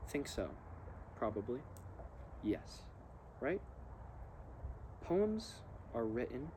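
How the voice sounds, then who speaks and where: A man with a mellow voice reads poetry aloud at a very slow pace, pausing between short phrases and drifting into casual asides. He is smoking as he talks, and there is faint ambient noise behind him. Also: mid-range voice, low-quality recording. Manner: deliberate, halting, broken into short phrases; smoking a cigar while talking. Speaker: vlogger reading poems aloud.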